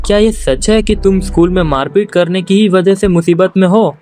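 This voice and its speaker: A man's voice: sits high, moderate pace, a little mellow, faint music behind, voice pushed up, natural voice. A man voicing Nari, an outspoken teenage schoolgirl who presses with worried questions, in a story recap. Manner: insistent questioning.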